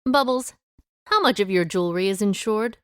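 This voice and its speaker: An actress voices a shrewd, world-weary 1920s woman detective in an audio drama, delivering dialogue and first-person narration in a knowing, matter-of-fact, accusing way. Her medium-pitched voice is animated, a bit bright and smooth, at normal speed and close to everyday speech. The studio-quality recording has no room sound.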